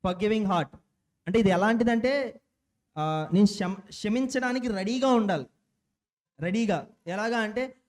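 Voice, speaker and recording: Young male lay preacher, high voice, informal delivery, mixes English into his sermon. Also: moderate pace, pauses often. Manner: informal, mixing English words, restarts and self-corrections. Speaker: church speaker.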